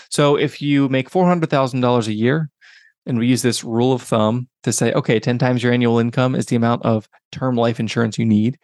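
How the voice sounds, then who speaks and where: A man hosting a podcast as a financial advisor, explaining things conversationally in a soft, late-evening radio DJ voice. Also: medium pitch, no echo, clean studio sound. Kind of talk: solo podcast talk. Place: home podcast room.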